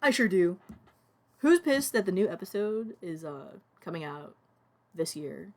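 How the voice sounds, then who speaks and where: A young woman live-streams while animating a puppet, rambling casually to her chat and muttering to herself as she works. Her voice is fairly low with big pitch swings, and she's unhurried.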